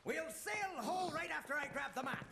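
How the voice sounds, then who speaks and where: A man's voice: extremely high pitch, lively intonation, moderate pace, creaky, full character voice. An actor playing a teenage boy possessed by a pirate captain, growling pirate talk full of arr and ye. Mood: commanding. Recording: cartoon soundtrack with loud music.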